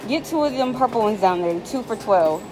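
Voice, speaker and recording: High-voiced chatty mom vlogger. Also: female voice, animated, brisk, noisy background. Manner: chatty, teasing, addresses viewers directly. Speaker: vlog host, mother. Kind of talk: casual shopping vlog chat.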